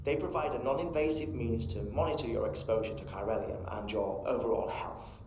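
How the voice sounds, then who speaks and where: An actor playing a calm male researcher and doctor who explains things in a measured, clinical way in a video game. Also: mid-range voice, natural voice. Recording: echoey game audio with ambient noise.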